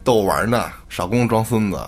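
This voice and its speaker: Brief: blunt cursing big brother type, voiced by the male storyteller, lowish voice. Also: quick pace, close to an everyday voice. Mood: baffled. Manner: brusque, swearing. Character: worried older cousin, brusque young man.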